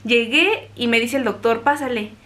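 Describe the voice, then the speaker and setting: A young woman with a Mexican accent telling a personal story in a chatty, animated way. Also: a little high, a little fast. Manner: chatty, animated, acts out quoted voices. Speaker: vlogger. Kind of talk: casual storytelling.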